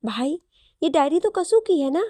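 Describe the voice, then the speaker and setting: Worried young sister in a spoken story, read by a woman, anxious questioning, mellow, dry sound. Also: sits high, animated, moderate pace, creaky, no echo.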